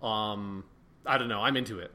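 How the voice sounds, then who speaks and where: Speaking at a normal speed with a fairly low pitch and a sharp tone, this podcast co-host drifts through a laid-back review discussion. He curses casually, wanders off topic and fills his talk with fillers and restarts.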